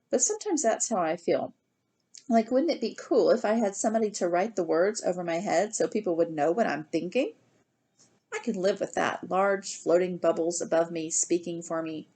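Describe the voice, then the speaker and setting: A woman reading a novel aloud in the first person, with lively, expressive storytelling. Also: fairly low pitch. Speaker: reader.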